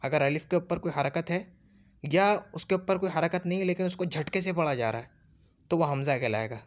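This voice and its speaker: A man's voice: fairly high pitch, brisk. A man teaching Arabic grammar, patiently repeating points and checking whether his listeners have understood. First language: Urdu. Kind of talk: classroom lesson.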